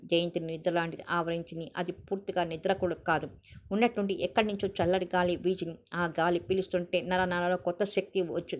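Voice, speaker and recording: A woman narrating an audiobook in a steady reading voice, on a dull lo-fi recording. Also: on the low side.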